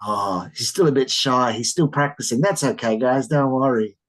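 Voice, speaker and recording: A teacher running an online English class for children over a video call, animated and encouraging, often exclaiming in surprise. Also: mid-range voice, normal speed, poor audio.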